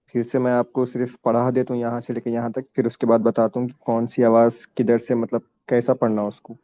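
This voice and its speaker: Patient man teaching slow letter recitation. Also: mid-range voice, completely flat delivery, dark tone. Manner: slow, drawn-out letter pronunciation with patient explanations. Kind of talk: online tajweed class for children.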